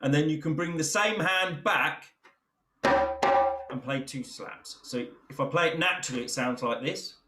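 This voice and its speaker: Relaxed man teaching djembe. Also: on the high side, measured pace, loud music behind the voice. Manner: relaxed, encouraging, counts drum strokes aloud. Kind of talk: online percussion lesson. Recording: roomy sound with loud drumming. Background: djembe drumming.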